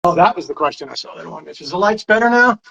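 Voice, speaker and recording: A man's voice: high voice, lively intonation, quick pace, gravelly, bright, forceful tone, lo-fi sound. A man hosting a casual live stream on a phone or webcam, rambling and reading viewer comments aloud.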